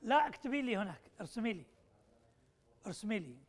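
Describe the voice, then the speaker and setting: Teasing and encouraging the participants in a conference workshop puzzle, a man shifts back and forth between Arabic and English. He's a fast talker with a high voice and big swings in pitch.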